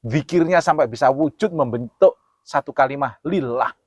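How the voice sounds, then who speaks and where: Solemn Indonesian host. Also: male voice, medium pitch, moderate pace, no room sound. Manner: solemn, repeats pemirsa, swings loud and soft. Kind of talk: earnest presenter talk to viewers.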